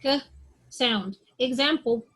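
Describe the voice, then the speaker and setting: A woman's voice: sits high, slow, a bit bright, rough recording. A woman teaching English pronunciation in class, drilling example words one by one and often checking with "okay?". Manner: drills word sounds aloud one at a time.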